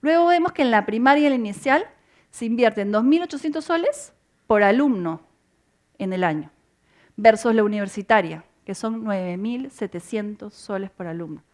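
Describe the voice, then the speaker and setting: A woman's voice: on the high side, expressive, moderate pace, a little mellow. A woman giving a conference talk with slides, explaining points and asking rhetorical questions. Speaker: conference speaker. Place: conference hall.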